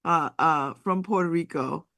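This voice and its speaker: Hosting a casual interview, a talk show interviewer speaks in a conversational manner, frequently restating the opening words of her sentences while working out what to say. She has a low-pitched, fairly bright voice and an unhurried pace.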